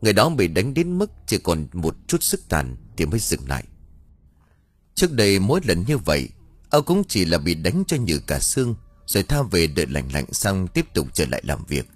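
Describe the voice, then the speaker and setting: Deep-voiced male storyteller. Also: huge pitch swings, moderate pace, no echo. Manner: formal, dramatic storytelling. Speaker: audiobook narrator. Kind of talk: scripted ghost story narration.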